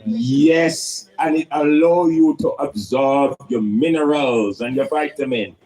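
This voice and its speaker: A man's voice: medium pitch, slow pace, darkish tone, poor audio. A man with a Jamaican accent speaking in Rastafarian style, preaching and teaching emphatically with rhetorical questions and Rastafari idioms.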